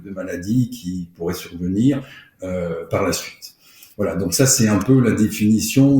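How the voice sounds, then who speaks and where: A man's voice: on the low side, warm tone, very echoey. A man from France, a doctor, explaining his work in an interview, with many fillers and restarts. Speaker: doctor, podcast guest.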